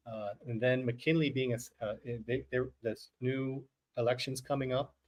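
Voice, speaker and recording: A man's voice: medium pitch, steady tone, normal speed. Rambling, joking male podcast co-host. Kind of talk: casual livestream chat.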